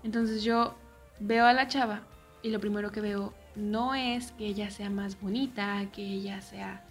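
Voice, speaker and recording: A young woman with a Mexican accent telling a personal story in a casual way, often dropping into soft, near-whispered asides. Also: medium pitch, fairly even intonation, a little slow, soft background music.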